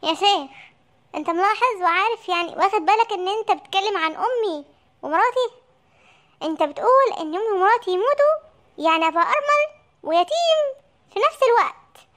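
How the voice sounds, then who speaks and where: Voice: very high voice, lively intonation, fairly quick, pauses often, fairly bright tone. A voice actor playing a frightened young husband in a comic cartoon, with an Egyptian accent and a whiny, panicky manner. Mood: exasperated. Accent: Egyptian Arabic.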